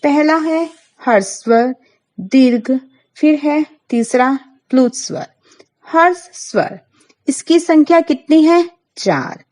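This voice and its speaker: A woman's voice: sits high, expressive, takes it slowly, a little mellow, poor audio. A woman teacher giving a grammar lesson to schoolchildren, asking the class questions and then answering them herself, and spelling out the sounds one by one.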